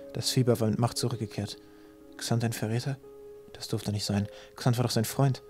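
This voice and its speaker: A man narrating an audiobook in an even, steady reading. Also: mid-range voice. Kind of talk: scripted narration.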